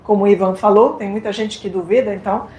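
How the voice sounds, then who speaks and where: A woman's voice: medium pitch, fairly even intonation, quick pace, dark tone. A French woman with a French accent giving a live lecture, talking directly and playfully and putting questions to her audience. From France. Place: lecture hall. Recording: echoey hall with faint noise.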